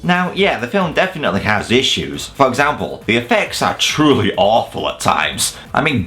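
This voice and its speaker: A man with a mid-range, sharp-toned voice presents a scripted top ten video review. He is opinionated, blunt, wry and sweary.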